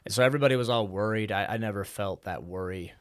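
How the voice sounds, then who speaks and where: A young man co-hosting a podcast tells stories with animation, acting out other people's voices and laughing as he goes. His voice sits on the low side. The sound is dry and close to the mic. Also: quick pace, clear, resonant tone, no echo. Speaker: podcast co-host. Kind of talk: casual conversation.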